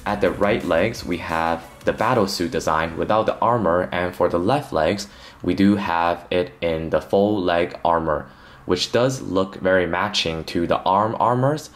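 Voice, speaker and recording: A man's voice: low voice, unhurried, faint music behind. A man narrating a toy unboxing review as host of his channel, earnest with light jokes.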